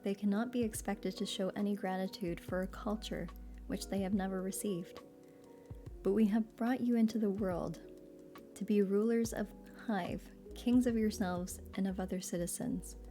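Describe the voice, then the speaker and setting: A woman reading aloud the lines of a wise, patient old male philosopher in a soft, steady voice for sleep. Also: mid-range voice, lightly acted.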